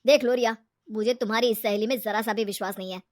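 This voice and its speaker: A woman's voice: a little high, fairly even intonation, fast, lightly acted. A woman voicing a stern, suspicious young husband.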